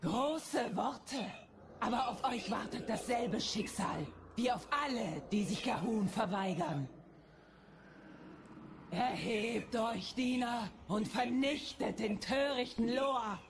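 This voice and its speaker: Menacing, high-voiced fanatical witch. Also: slow pace, background noise. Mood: commanding. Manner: imperious, declamatory. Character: menacing, fanatical female witch serving a blood god. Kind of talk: video game villain acting.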